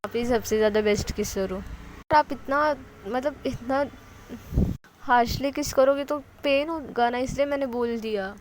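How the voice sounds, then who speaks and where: A woman's voice: on the high side, a little slow, slight background noise, natural voice, low-quality recording. A woman voicing a nervous, stammering young woman. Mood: pleading. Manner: stammering, pleading. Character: anxious young woman, pleading with her drunk girlfriend.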